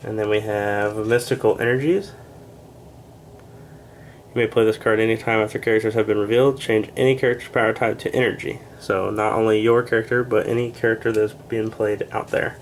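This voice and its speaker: A congested man reviewing a board game, reading card text aloud in a plain, unhurried way with casual asides and fillers. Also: on the low side, fairly even intonation, slight background noise. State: congested, short of breath.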